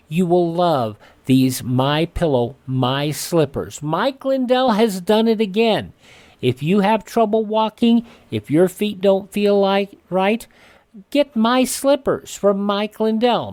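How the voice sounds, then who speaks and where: A man with an American accent works as a radio host, reading scripted ads and old news headlines in a presenter's style. His voice sits high and is a little mellow.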